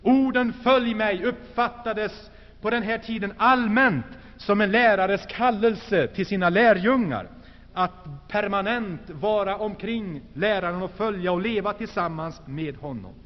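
A man preaching an earnest sermon, rising in force and then sinking to hushed, low phrases. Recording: dull, lo-fi recording with long hall reverb.

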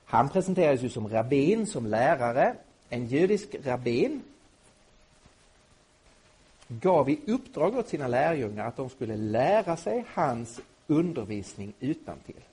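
Husky, emphatic man lecturing a group. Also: mid-range voice, very animated. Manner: emphatic, rising to loud indignation. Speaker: Bible teacher. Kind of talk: lecture to a live audience.

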